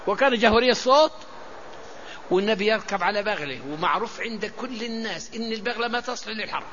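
A man's voice: high-pitched, a bit bright, a little hiss or hum. A man preaching a sermon, telling stories with animation and reciting verses. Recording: dull lo-fi recording.

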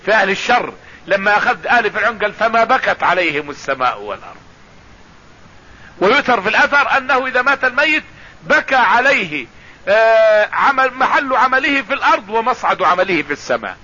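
Male religious teacher, high, sharply bright tone, lo-fi radio broadcast sound. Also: expressive, quick pace, slightly rough. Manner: explanatory, repeats phrases, recites verses. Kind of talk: Quran commentary lesson.

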